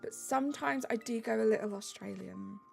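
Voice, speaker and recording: Speaking at a moderate pace, a British woman reads her viewers' messages aloud in a bubbly manner while casually streaming a game. Her voice sits on the high side, gravelly and somewhat dark, with light music in the background.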